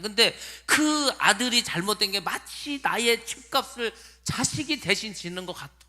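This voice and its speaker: A man with a high, piercingly bright voice preaches a sermon. He swings between loud exclamations and hushed, low asides. He acts out the voices of the people he quotes. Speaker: pastor. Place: church sanctuary.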